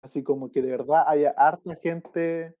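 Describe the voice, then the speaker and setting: A man with a Chilean accent who co-hosts a casual film podcast, rambling in a relaxed way and often ending with slang tags. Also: on the high side, measured pace. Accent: Chilean Spanish. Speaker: podcast co-host.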